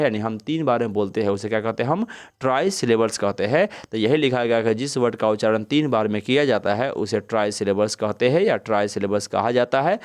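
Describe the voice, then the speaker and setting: A man teaching a grammar lesson, who keeps asking questions and answering them himself and stretches words out slowly to sound out their syllables. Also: medium pitch.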